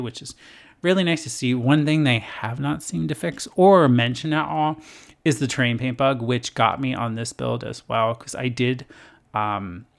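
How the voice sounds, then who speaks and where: A man with a gravelly, fry-edged voice talks through his game build in a loose voice-over. He rambles and fills gaps with "uh" and "like", and he pokes fun at himself along the way. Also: medium pitch. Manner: chatty, rambling, lots of fillers and self-deprecating laughs. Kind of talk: casual voice-over commentary.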